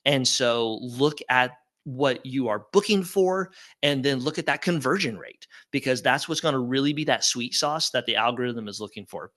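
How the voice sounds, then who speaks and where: A man's voice: mid-range voice, moderate pace, fairly bright tone. A middle-aged man presenting a live webinar and taking audience questions, speaking in a casual, upbeat, conversational way with plenty of fillers.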